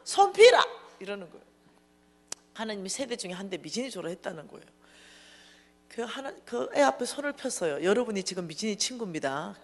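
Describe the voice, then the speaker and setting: A woman giving a lively, humorous testimony sermon in a church, acting out dialogue as she tells the story. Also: mid-range voice, fast talker. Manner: animated storytelling, acting out dialogue, bursts of laughter. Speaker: church finance lecturer.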